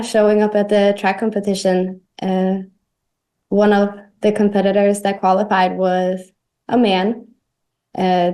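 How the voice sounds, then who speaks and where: Young swedish woman guest, soft hesitant talk, swedish first language. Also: medium pitch. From Sweden. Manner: soft-spoken, hesitant with fillers. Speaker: guest athlete.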